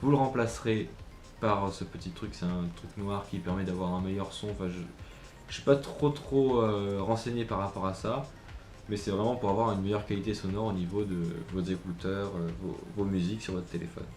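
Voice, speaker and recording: Male tech vlogger, lowish voice, hesitant, echoey room with faint music. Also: fairly even intonation, brisk, a little mellow. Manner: hesitant, many fillers and restarts. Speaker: tech reviewer. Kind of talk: casual product review. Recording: roomy echo with faint music.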